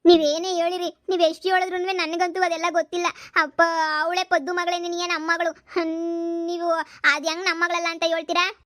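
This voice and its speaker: Actress as an insistent cartoon village wife, high and quick, dry close mic. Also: female voice, little pitch movement, a bit bright, no echo. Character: village landlord's pushy middle-aged wife, insistent.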